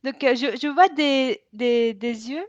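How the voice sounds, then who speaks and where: A woman from Belgium, a laughter yoga host, talks slowly in a high voice on a casual live stream with a dry recording. Her speech is hesitant, packed with fillers and restarts and frequent laughter. The stream audio, picked up by an added microphone, sounds dull and lo-fi.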